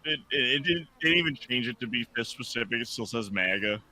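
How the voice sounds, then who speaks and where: A man's voice: medium pitch, expressive, fast talker, bright, forceful tone, low-quality recording. A man hosting a casual reaction chat, rambling with lots of "like" and restarts. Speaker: podcast host.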